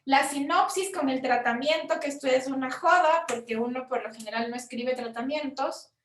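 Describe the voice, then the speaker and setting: A Chilean woman, a film producer, explaining funding forms in a frank, conversational workshop talk with quick asides. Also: high voice, roomy sound, distant mic, a little hiss or hum. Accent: Chilean Spanish.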